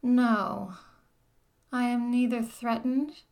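In a whispered audio roleplay, a woman plays a former dominatrix who is mocking and controlling, taunting the listener slowly. Her pitch is fairly high, her intonation fairly even, and her tone darkish.

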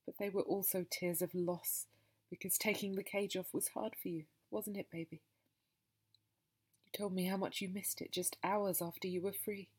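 A woman softly narrating an intimate monologue to the listener, breathy and slipping into whispers, tender and possessive in manner. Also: mid-range voice. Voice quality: breathy and soft. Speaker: narrator of an intimate audio story.

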